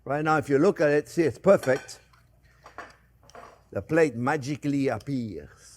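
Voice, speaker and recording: A man's voice: on the high side, a little slow. An older man hosting a cooking show, chatting casually and animatedly to viewers as friends and often repeating short phrases as he demonstrates. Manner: addresses viewers warmly as friends.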